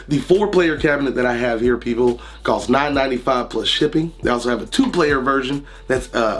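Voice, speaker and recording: A man in his thirties with a raspy, slightly hoarse voice, casually reviewing a product to camera and repeating phrases for emphasis. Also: medium pitch. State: under the weather, slightly hoarse. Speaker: YouTube reviewer and host. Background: music.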